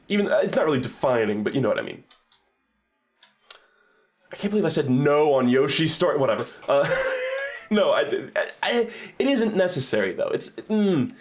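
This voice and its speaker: Rambling, sweary male game streamer. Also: a little high. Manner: rambling, sweary, self-correcting. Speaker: streamer reviewing games. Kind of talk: casual stream commentary.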